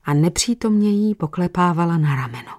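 Woman audiobook narrator, expressive, lowish voice, dry close studio sound. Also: no echo. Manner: expressive, changes voices for characters. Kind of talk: scripted narration.

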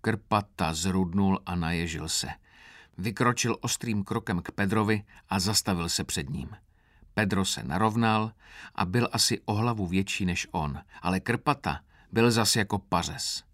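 A man calmly narrating a novel in the first person with a wry tone. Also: low-pitched, no echo, studio quality. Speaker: audiobook narrator.

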